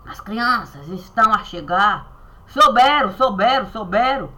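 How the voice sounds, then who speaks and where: Woman acting out a flustered old male friar, hurried protesting chatter, bright and lively. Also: medium pitch.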